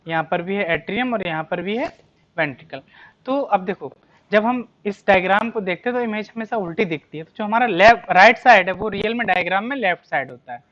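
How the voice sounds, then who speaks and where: A biology teacher giving an exam-prep lecture, asking rhetorical questions and answering them, repeating key terms and reading questions out slowly. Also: medium pitch, a bit bright, highs cut off. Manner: reads English questions slowly, explains in Hindi.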